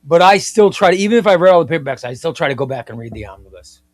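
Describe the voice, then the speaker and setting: A man's voice: fairly high pitch, animated, racing, no room sound. A man in his fifties hosting a comic book livestream, chatting casually and with enthusiasm, often repeating himself. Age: 50s. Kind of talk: casual livestream chat reading viewer comments.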